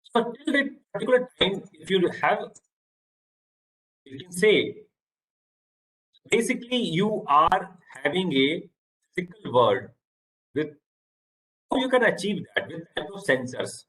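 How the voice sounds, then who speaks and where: A man with an Indian English accent giving a halting online lecture over a video call, often repeating words. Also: high-pitched, very animated, a bit bright, low-quality recording.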